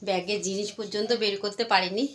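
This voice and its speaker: Chatty slightly hoarse mother vlogging. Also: medium pitch, little pitch movement, fast talker, a bit bright. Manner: chatty, narrates what she is doing and repeats herself. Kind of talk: casual vlog narration to viewers.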